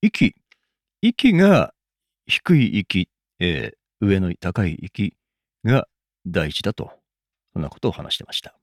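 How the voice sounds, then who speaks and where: A man's voice: low voice, wildly swooping pitch, takes it slowly, pauses often, no room sound, clean studio sound. A man hosting the show, recapping each segment with frequent fillers. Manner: recaps with many fillers, swooping intonation. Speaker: host summarizing segments. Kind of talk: recorded commentary between segments.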